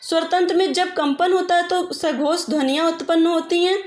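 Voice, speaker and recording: A woman's voice: extremely high pitch, steady tone, moderate pace, reverberant. A woman teacher giving a patient grammar lesson, stretching out example vowel sounds as she explains.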